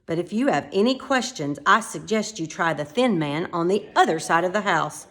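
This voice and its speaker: A woman's voice: on the low side, lively intonation, normal speed, fairly bright tone. Woman doing a muddled, rambling little man. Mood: bright, cheerful. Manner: rambling, confused, cheerfully evasive.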